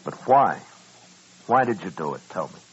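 An actor playing a stern, steady, terse frontier marshal who leads and narrates an old radio western. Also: male voice, low-pitched, normal speed, breathy edge, full character voice. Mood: probing, firm. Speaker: lead character and narrator. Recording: dull old radio recording with music.

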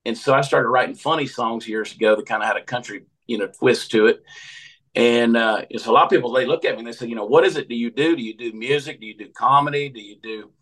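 A man's voice: medium pitch, quick pace, fairly bright tone, poor audio. A man of fifty with a Southern American accent, a comedian telling folksy, joking stories in a rambling casual chat. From Georgia, USA. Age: 50s. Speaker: comedian and podcast host.

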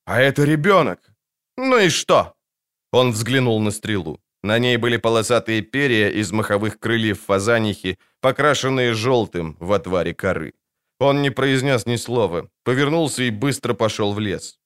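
A man's voice: lowish voice, normal speed, clean tone. A man narrating a fantasy audiobook in a vivid, dramatic storytelling manner.

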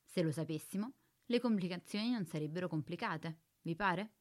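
Woman voicing a calm ship computer, low-toned. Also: moderate pace, lightly acted. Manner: flat, formal, bureaucratic diction. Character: calm, precise female spaceship computer.

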